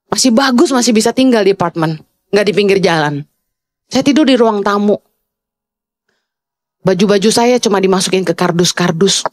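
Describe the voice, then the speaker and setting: A woman pastor delivering a sermon at a fast clip. Her high, soprano-like voice makes her sound almost angry as she preaches, and she drops English phrases in between.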